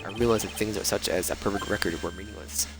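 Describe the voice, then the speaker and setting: A man voicing a proud, stern male prosecutor in a game, lecturing in a low voice over game music. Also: fast talker, creaky. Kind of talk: reading game dialogue aloud.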